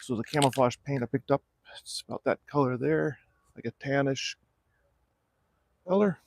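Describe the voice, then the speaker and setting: A middle-aged man from South Florida, hosting a casual livestream from his backyard and explaining, in a relaxed and practical way, how he is restoring a small boat. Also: medium pitch, normal speed, vocal fry, no room sound. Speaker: channel host restoring a boat. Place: backyard outdoors.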